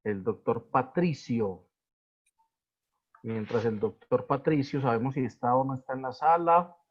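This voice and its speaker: A man's voice: medium pitch, unhurried, muffled recording. A man moderating a video-call webinar, hesitant, with many fillers and restarts. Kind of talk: hosting a live video webinar.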